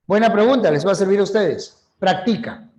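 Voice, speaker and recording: Man, middle-aged, language teacher, fairly high pitch, chatty lecture. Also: lively intonation, brisk, a little mellow. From Peru. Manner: chatty, asks the class questions and answers himself. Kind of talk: online class lecture.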